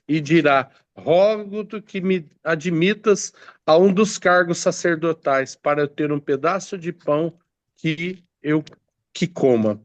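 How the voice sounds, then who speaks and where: A man's voice: fairly high pitch, slow pace, no room sound, lo-fi sound. A man preaching a sermon, reading scripture aloud and explaining it with many hesitant fillers and restarts.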